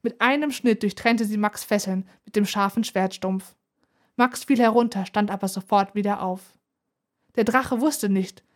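Lady reading a kids fairy tale out loud, steady and expressive. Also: medium pitch. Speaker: narrator. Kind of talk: storybook reading.

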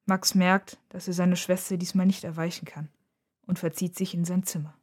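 Calm woman narrating a story. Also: fairly low pitch, moderate pace.

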